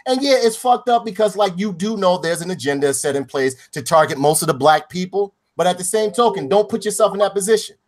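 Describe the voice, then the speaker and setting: A man with a fairly high voice co-hosting a casual podcast. He talks loud and profane, rants freely, and keeps laughing at his own jokes. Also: lively intonation, fairly quick, hardly any pauses. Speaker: podcast co-host. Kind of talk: casual crude chat.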